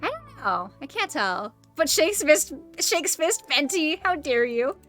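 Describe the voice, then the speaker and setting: A woman with a high, animated voice comments casually on a game as a streamer. She sounds chatty and excitable, with game music behind her. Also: measured pace.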